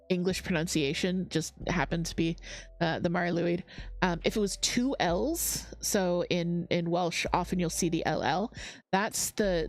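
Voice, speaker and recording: A woman hosting a crafting livestream, chatting casually, reading chat comments aloud and laughing often. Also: lowish voice. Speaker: livestream host.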